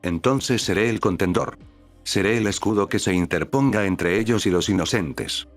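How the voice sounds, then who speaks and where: A man's voice: on the low side, moderate pace, faint music behind, close to an everyday voice. A man voicing a steadfast, protective fatherly man who speaks firmly and with passion. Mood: resolute. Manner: firm, impassioned, resolute.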